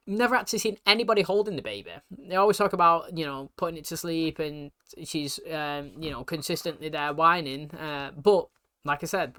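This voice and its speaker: A man's voice: on the high side, sharp tone. Rambling man reacting to a show. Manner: rambling, full of "you know" and "like". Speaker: reaction video host. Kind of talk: casual reaction commentary.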